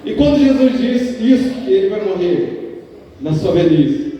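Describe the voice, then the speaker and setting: A man preaching a sermon as an evangelist, addressing the congregation as brothers and swinging between high and low pitch. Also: animated, a little slow, lo-fi sound. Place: church hall. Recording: echoey hall recording from far off.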